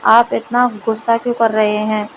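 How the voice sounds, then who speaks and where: A woman's voice: fairly high pitch, little pitch movement, moderate pace, slight background noise, natural voice, low-quality recording. A woman voicing a fearful, devoted village wife who speaks anxiously and pleads. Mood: pleading.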